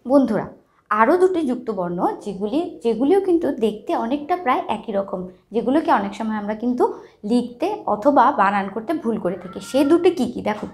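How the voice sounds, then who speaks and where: A woman's voice: fairly high pitch, lively intonation, a little fast, a little mellow. A woman teaching a lesson, explaining step by step and checking often with the listener. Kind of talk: lesson on writing and pronunciation.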